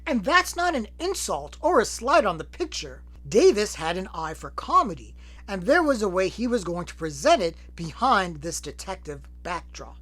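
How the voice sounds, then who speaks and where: A man's voice: high voice, big pitch swings, normal speed, fairly bright tone, a little hiss or hum. A man hosting a film retrospective, talking with sarcastic, profane jokes between clips. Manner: sarcastic, profane, joking asides. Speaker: film review host.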